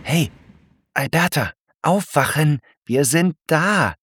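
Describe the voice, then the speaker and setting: Patient explaining zebra, man putting on a lighter voice, slow and gentle. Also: fairly high pitch, expressive, background noise, pitched above the performer's own voice. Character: patient knowledgeable male zebra. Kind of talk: storybook character voice.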